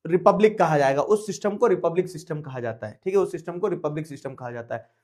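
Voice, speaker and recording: A man teaching an online history class in a playful way, mixing Hindi with English terms and slowly repeating key phrases. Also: a little high, a little mellow.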